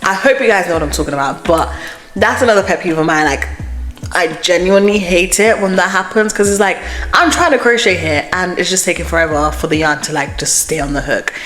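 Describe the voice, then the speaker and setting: A woman's voice: fairly low pitch, fairly quick, fairly bright tone, faint music behind. A woman hosting a casual, chatty solo podcast, venting emphatically and informally, with an echo effect on her microphone. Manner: informal, emphatic venting about small annoyances. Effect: microphone echo setting, echoey reverb. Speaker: host of a crochet podcast vlog. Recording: echoey voice from microphone echo setting.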